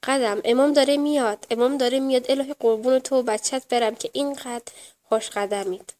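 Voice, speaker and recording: Brief: earnest young husband in an audiobook story, read by a woman with a slightly high voice. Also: steady tone, a little mellow, natural voice. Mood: overjoyed. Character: eager, devoted young husband.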